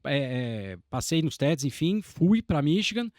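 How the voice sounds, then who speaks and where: A man's voice: a little high, expressive, measured pace, darkish tone, no room sound, studio quality. A Brazilian man in his forties, a podcast guest telling long career stories in a reflective, meandering way, often restarting his sentences. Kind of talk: casual interview conversation.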